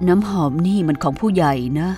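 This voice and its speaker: Brief: woman voicing a soft, coaxing mother figure, low-pitched, faint music under. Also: fairly quick, close to an everyday voice. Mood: gentle. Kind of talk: Thai dub of a TV drama.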